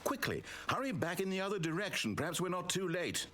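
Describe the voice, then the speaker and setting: A man's voice: sing-song, fast talker, pushed and bright, a little hiss or hum, full character voice. An actor playing a controlling male video game narrator, proud of his story, with precise, theatrical delivery. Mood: distraught. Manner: precise, theatrical delivery with wild swings in pitch. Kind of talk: scripted video game voice acting.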